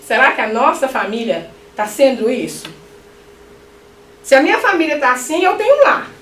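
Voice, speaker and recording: A middle-aged woman with a high voice gives an animated spiritist lecture, throwing joking asides to her audience. She sounds set back from the mic in a roomy hall, with a faint hum of ambience. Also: normal speed. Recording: echoey hall, mic at a distance.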